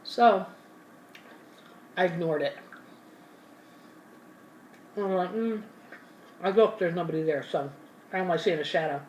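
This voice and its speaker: A woman's voice: fairly low pitch, measured pace, long pauses, darkish tone, distant mic. A woman telling a story in loose, casual chat, stopping to eat and fixing her own details as she goes. She sits back from the mic in a roomy space, with a faint hum of ambience behind her. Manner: rambling, self-correcting, talks with mouth full. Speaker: ASMR channel host. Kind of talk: casual storytelling while eating.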